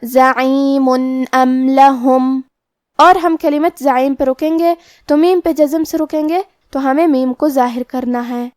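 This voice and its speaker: A woman teaching tajweed, explaining each letter and pronunciation rule step by step in a measured way. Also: high voice, steady tone, darkish tone, dry recording, studio quality. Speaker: Quran recitation teacher. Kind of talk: tajweed lesson.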